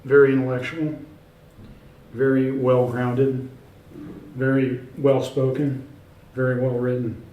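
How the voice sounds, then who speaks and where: Speaking slowly in a level, medium-pitched voice, an author being interviewed casually in person rambles with many fillers and restarts, yet sounds emphatic and sure of himself. The highs are cut off, and the echoey room puts him far from the mic with faint ambience around him.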